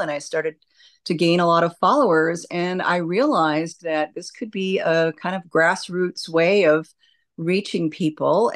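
Woman with a lowish voice chatting in an interview, nurse type explaining stuff thoughtfully. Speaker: hospice nurse and educator, interview guest. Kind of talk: conversational interview answers.

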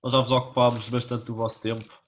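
A man's voice: mid-range voice, little pitch movement, quick pace. A young man co-hosting a podcast in casual, slangy chat. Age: young adult. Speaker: podcast co-host.

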